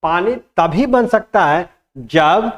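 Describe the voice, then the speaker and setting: A man's voice: high voice, animated, slow. A man teaching chemistry in Hindi, who asks the class questions and answers them himself and mixes in English terms. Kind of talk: classroom lecture.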